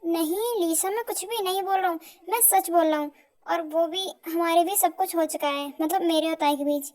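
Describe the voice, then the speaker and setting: Girl doing a young husband voice, cold n evasive, still kinda high pitched. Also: moderate pace, darkish tone. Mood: firm. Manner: hesitant, evasive, then firm. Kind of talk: amateur fan audio drama.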